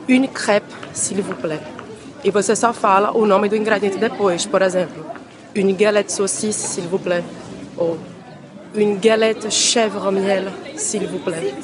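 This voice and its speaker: A woman explaining carefully and unhurriedly in a short language lesson. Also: mid-range voice. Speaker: French teacher. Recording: crowd chatter and noise around.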